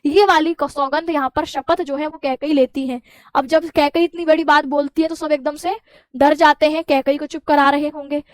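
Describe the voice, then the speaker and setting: High-voiced woman teaching a poem. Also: fairly even intonation, no room sound. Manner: reads verses slowly, then paraphrases in plain words with "है ना". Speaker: Hindi teacher. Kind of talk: explaining a poem line by line.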